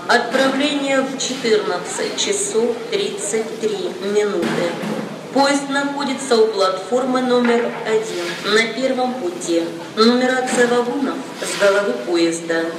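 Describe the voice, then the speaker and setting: A woman making a formal train departure announcement over a station PA loudspeaker. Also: fairly high pitch. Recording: echoey, distant, noisy loudspeaker sound.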